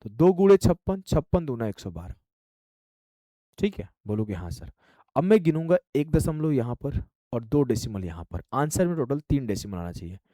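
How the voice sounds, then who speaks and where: A man teaching a math lesson, briskly counting out digits and coaxing his students along. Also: mid-range voice, big pitch swings, warm tone, no room sound, studio quality. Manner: brisk, drills numbers aloud, coaxing students. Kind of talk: classroom-style math lesson.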